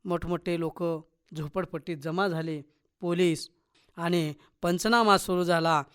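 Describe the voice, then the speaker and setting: A man reads his story on radio in a high, clear, smooth voice. He tells it with dramatic expression and steady feeling. His delivery is that of a practiced storyteller. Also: measured pace. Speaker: storyteller, college principal.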